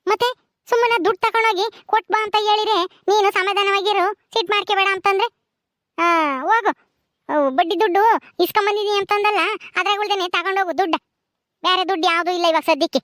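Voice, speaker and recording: A woman's voice: very high-pitched, steady tone, fast, dry recording, studio quality. A woman playing a bitter, bossy village mother-in-law. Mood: irritated. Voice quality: sharp, scolding, bossy. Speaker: village drama actress. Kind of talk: village family drama acting.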